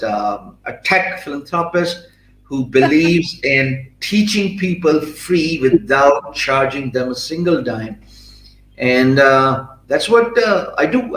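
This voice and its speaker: Speaking a mid-range, slightly bright voice over a rough recording with roomy sound and a little hiss or hum, this interview guest is a middle-aged man from Pakistan. English is his second language after Urdu, and he answers fluently, though with many fillers, frequent restarts, and emphatic pauses in his Pakistani accent.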